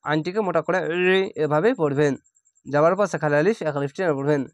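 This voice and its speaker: Man, recitation teacher, brisk explanations, slow drawn-out recitation, smooth voice. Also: on the high side, no echo, studio quality. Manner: explains rules briskly, then recites words very slowly and drawn out. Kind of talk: spelling-out Quran reading lesson.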